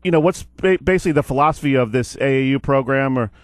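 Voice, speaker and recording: In a radio studio, a man with a mid-range voice hosts a sports show, firing off casual interview questions at a quick pace. His chatty delivery is full of fillers and restarts, with no echo.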